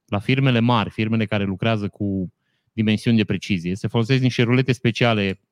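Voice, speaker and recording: A man's voice: lowish voice, dry recording. A man, co-hosting a casual chat and giving long technical explanations with dry jokes. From Romania.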